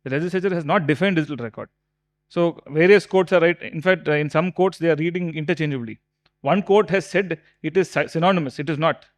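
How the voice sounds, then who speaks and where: A man giving a lecture to professionals, explaining slowly and emphatically with repeated examples. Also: a little high. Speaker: speaker at a tax law seminar. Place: hotel conference hall.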